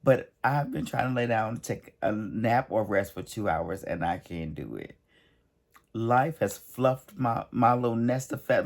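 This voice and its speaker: A man's voice: mid-range voice, gravelly. A tired man hosting a spiritual channel, speaking straight to the listener in an earnest, repetitive motivational monologue. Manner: earnest, repetitive, emphatic encouragement.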